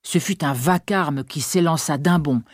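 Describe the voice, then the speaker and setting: A reader narrating a classic novel as an audiobook in a measured, expressive literary style. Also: mid-range voice, no echo, clean studio sound.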